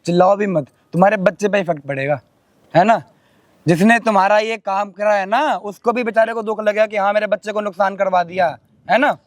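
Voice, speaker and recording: A man's voice: high-pitched, steady tone, fairly quick, no room sound, natural voice. A man playing a bitter, sarcastic young husband. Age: young adult. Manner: sarcastic, taunting.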